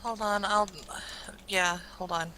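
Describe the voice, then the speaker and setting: Female gamer, mid-pitched and sharp-edged, casual in-game chat, noisy background. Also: fairly even intonation, slow. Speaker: co-player in an online game. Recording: clear background noise.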